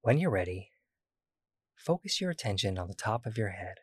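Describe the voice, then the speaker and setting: A man guiding a body-scan meditation, speaking slowly and soothingly with long pauses. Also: fairly low pitch, very animated, slightly rough, dry recording, studio quality. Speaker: meditation guide.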